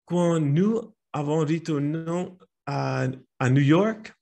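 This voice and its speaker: A man who grew up in the United States with Italian as his first language, telling a personal story in French with an American English accent, halting and often restarting his phrases. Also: a little high, dark tone. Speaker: speaker at a language club meeting.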